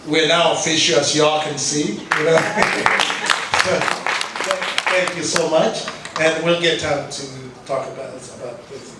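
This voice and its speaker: Chatty male moderator, slightly high voice, distant and roomy with background noise. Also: steady tone, slow pace, a loud crowd. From Kenya. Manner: loose and chatty, laughs lightly. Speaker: session moderator. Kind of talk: casual wrap-up remarks. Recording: echoey hall, distant mic, noise.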